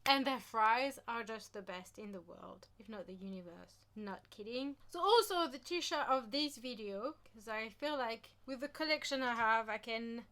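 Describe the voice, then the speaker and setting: A young woman from France with a French accent, chatting casually in her own vlog, animated and self-mocking, with frequent whispered asides. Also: fairly high pitch, normal speed, hardly any pauses. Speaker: vlogger.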